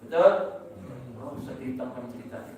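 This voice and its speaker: A man's voice: medium pitch, lively intonation, normal speed, dark tone, a little hiss or hum. A man preaching in a mosque, chanting Arabic phrases and explaining them with rhetorical questions. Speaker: religious teacher. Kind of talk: mosque sermon. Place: mosque hall. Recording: echoey mosque hall from far off.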